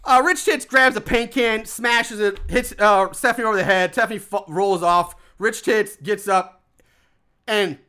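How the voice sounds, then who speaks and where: A woman's voice: mid-range voice, measured pace, pushed and bright. A woman co-hosting a podcast, recapping a film in casual, profane, sarcastic chat. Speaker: podcast co-host.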